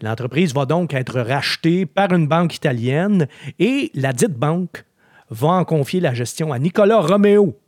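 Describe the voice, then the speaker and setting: Chatty podcast host. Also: male voice, a little high, moderate pace, dry recording, studio quality. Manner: chatty storyteller, animated, with frequent filler words. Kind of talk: casual podcast chat.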